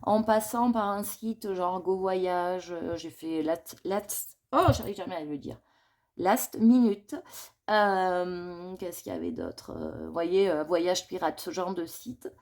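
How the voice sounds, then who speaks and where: A woman in a casual coloring vlog, talking to her viewers while she works. Her voice sits a little on the low side. She thinks aloud in a rambling, confiding way and sounds a bit worried. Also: expressive, a little slow, hardly any pauses, darkish tone. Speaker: coloring vlogger.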